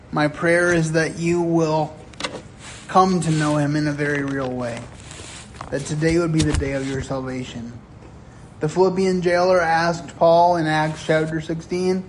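A man in his sixties delivers a sermon at an unhurried pace, his voice sitting a touch high for a man. He tells stories earnestly and pauses deliberately between phrases. A faint hiss sits under the voice. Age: 60s. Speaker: preacher. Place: chapel sanctuary.

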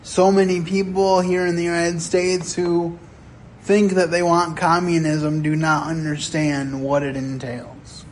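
A man in his sixties preaching a sermon in a chapel, telling stories earnestly with deliberate pauses. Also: a little high, level tone, a little hiss or hum. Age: 60s. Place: chapel sanctuary.

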